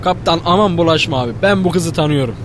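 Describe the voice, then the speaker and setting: An actor playing an anxious, nagging second captain in a comic radio play, speaking in fretful everyday slang. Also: male voice, fast talker, lightly acted. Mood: worried. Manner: fretful, colloquial. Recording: noisy background with rumble.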